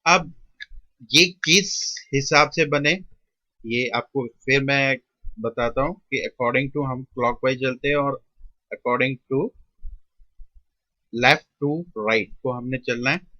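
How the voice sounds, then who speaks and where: A man teaching shorthand step by step, drawing out and repeating each sound with pauses, in an Indian Hindi-English mix. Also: mid-range voice, bright, forceful tone, no room sound, highs cut off. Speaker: shorthand tutor. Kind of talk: step-by-step classroom explanation.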